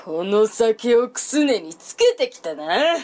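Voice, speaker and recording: A woman voicing a gruff old male Buddhist monk in a folk tale reading, speaking in old rustic speech. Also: fairly high pitch, big pitch swings, slow, darkish tone. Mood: grumbling.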